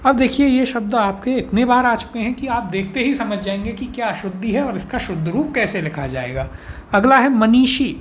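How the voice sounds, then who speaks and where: A man's voice: very high-pitched, normal speed, slight background noise. A man teaching a spelling lesson for an exam course, walking through words one by one and asking rhetorical questions before giving each answer. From India. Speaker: Hindi teacher.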